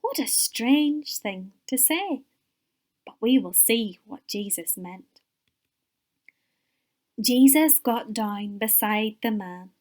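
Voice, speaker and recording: A woman, a Sunday school teacher telling a Bible story to children with expressive, whispered moments. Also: fairly high pitch, slow, pauses often.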